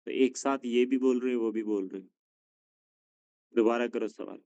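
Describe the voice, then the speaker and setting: A man leads a classroom drill, patient and encouraging, correcting students gently. His voice sits at a middling pitch. The sound is dry and close, with no room echo. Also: steady tone, moderate pace, lo-fi sound. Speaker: Arabic teacher.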